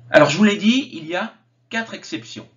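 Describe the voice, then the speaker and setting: A man teaching a grammar lesson, slowly and carefully spelling out each example form. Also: high-pitched, animated. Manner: slow, careful enunciation of example words. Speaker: French teacher. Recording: dull lo-fi sound.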